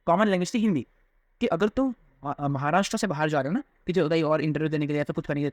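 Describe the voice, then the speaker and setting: A young male teacher works through a textbook chapter with a slightly raised voice. He reads English lines slowly and carefully, then rushes through explanations in casual Hindi and speaks straight to his students. The sound is dry and close, with no room around it. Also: on the high side, dry recording. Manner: mixes Hindi and English, addresses students directly.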